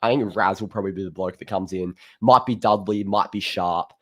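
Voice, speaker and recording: A laconic Australian man with a fairly low voice hosts a casual fan sports show. He talks in a blokey, conversational way, like he is chatting with mates. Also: brisk. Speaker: host of a fan call-in show. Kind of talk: casual footy chat.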